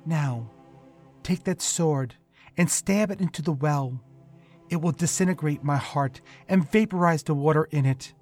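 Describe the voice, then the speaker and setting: A man voicing a gentle ghostly young woman in a read story, soft and reassuring. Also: fairly high pitch, unhurried, faint music behind. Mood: tender.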